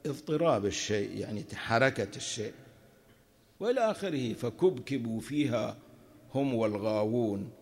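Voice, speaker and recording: A man of middle pitch teaching a religious lesson on scripture. He explains patiently, slipping between formal and everyday speech. His voice leaps higher whenever he drives a point home. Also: a little mellow. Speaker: Quran teacher.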